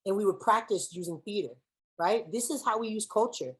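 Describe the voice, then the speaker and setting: Speaking fairly quickly with lively intonation, a young woman delivers a keynote address to students, and it includes a spoken-word poem. Her mid-range voice is slightly rough, and she switches between Spanish and English while asking the crowd questions.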